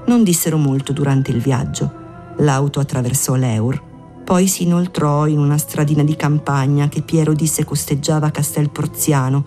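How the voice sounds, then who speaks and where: A woman narrating a literary audiobook in a measured, even storytelling manner. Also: low-pitched.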